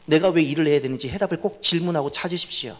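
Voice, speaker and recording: A man's voice: fairly high pitch, rapid-fire. A male pastor preaching a sermon, pressing points with emphatic repetition and asking the congregation questions. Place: church sanctuary. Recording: long church reverb.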